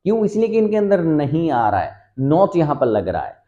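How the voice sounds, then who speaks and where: A man teaching an English lesson over slides. His voice sits a little high yet sounds mellow and soft. He explains patiently and repeats each example slowly. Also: huge pitch swings, dull audio.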